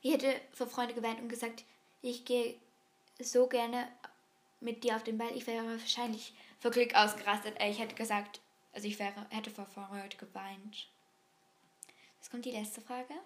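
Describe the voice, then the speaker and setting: A woman with a slightly raised voice talks through an online quiz in a loose, casual way. She hesitates, restarts and fills pauses as she thinks aloud. When the text gets long she skims it with a quick murmur. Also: fairly high pitch, level tone. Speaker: vlogger taking an online quiz. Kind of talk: casual chat reading quiz questions aloud.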